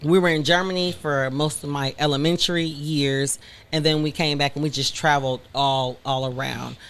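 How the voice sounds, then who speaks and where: A woman from Detroit, a content creator, telling her story in a frank, animated interview chat. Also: deep voice, normal speed. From Detroit, Michigan.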